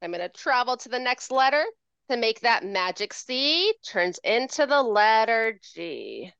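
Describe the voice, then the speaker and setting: Woman educator, bright high voice that swoops a lot, playful sing-song teacher delivery, dry slightly dull video-call sound. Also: very animated, measured pace, vocal fry, smooth, no room sound. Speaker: educator demonstrating handwriting. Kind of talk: lively teaching demonstration over video call.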